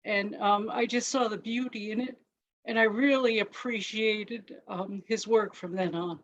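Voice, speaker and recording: A woman sharing a personal memory on a group video call, halting, with soft laughs and apologies. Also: mid-range voice, steady tone, lo-fi sound. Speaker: community member sharing a memory. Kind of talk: casual storytelling on a group call.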